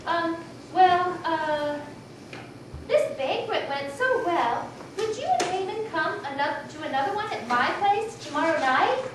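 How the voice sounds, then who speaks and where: Woman acting nervous high-pitched puppet Queen Esther, echoey. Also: lively intonation, unhurried. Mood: hesitant. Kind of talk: amateur puppet show acting for children. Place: small home gathering, echoey room, far camera. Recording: echoey distant noisy home video.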